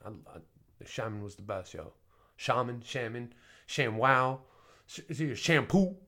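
A man talking in a casual personal monologue as a podcast host, often swearing and full of fillers, dropping to soft mumbles and then rising to loud emphatic bursts. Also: mid-range voice, animated, moderate pace. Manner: frequent swearing and filler talk.

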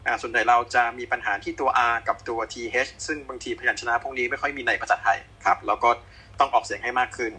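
Thai man doctor, bright husky voice. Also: medium pitch, low-quality recording. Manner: many fillers, step-by-step. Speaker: doctor panelist. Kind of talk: online panel talk.

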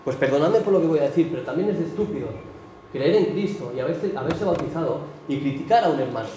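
A man's voice: a little high, expressive, fast talker, warm tone, a little hiss or hum. A man preaching a sermon with impassioned, emphatic delivery. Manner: impassioned, rising to emphatic bursts. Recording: echoey hall, mic from a distance.

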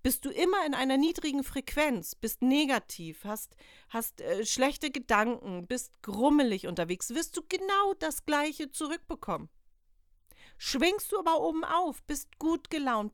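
A self-employed team leader living in northern Germany hosts a motivational podcast, coaching her listener earnestly and asking many rhetorical questions. Her high voice swings widely in pitch at a measured pace, recorded cleanly in a studio with no room sound.

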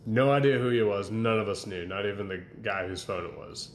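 A man's voice: on the low side, a little fast. A young man chatting casually as a podcast co-host, rambling through stories and laughing often. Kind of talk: casual chat. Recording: echoey room with faint ambient noise.

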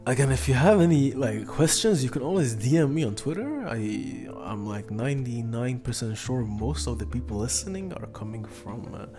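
A man hosting a casual solo sports betting podcast in halting, hesitant speech, often stopping and repeating himself. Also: medium pitch, big pitch swings, dark tone, faint music behind. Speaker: podcast host.

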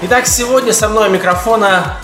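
A Latvian man with a light accent hosts a casual comedy podcast, sounding ironic, joking and mock-pompous. His voice sits high and is bright and forceful, a little fast. The room is echoey, with a music bed underneath.

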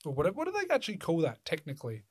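A man's voice: on the high side, wildly swooping pitch, rapid-fire, slight background noise. An Australian man hosting a casual chat, rambling loosely and swearing freely.

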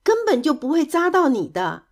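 A woman's voice: high voice, animated, a little slow, dark tone. A woman voicing a clumsy, stubborn young animal who talks eagerly and childishly in a storybook.

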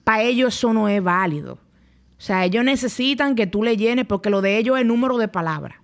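A woman's voice: on the high side, expressive, fairly quick. A young Dominican woman speaking as a podcast guest, telling her story bluntly in casual, colloquial speech. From Dominican Republic. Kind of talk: candid conversational storytelling.

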